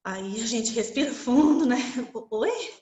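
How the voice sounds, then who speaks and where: A woman's voice: on the high side, moderate pace, roomy sound, muffled recording. A woman telling an emotional personal story to a class, acting out the people in it. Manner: vivid, animated, acts out quoted voices. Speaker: guest speaker sharing her story.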